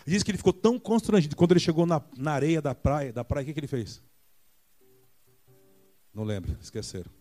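A Brazilian pastor delivers a Sunday sermon in a church, his fairly high voice carrying the telling of a Bible story. He slips into the voices of the people in the story with sudden leaps in pitch and loudness. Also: brisk, pauses often, faint music behind. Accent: Brazilian Portuguese. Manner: acts out voices of Jesus and Peter with big pitch jumps.

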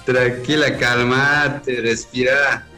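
A man's voice: mid-range voice, level tone, takes it slowly. A man calling in by mobile phone, flirting in a laid-back way. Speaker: caller. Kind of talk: phone call-in banter. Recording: phone call with music behind.

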